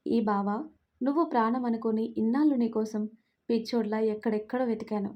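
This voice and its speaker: A woman's voice: fairly high pitch, mellow, lightly acted. A woman voicing a young man in love, fond, pleading and playful, in a storybook reading.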